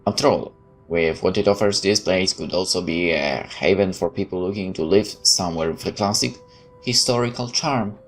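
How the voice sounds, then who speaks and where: A let's player works through a game, reading its text aloud and interjecting sarcastic quips. His voice sits low and he keeps a moderate pace. Soft music plays in the background.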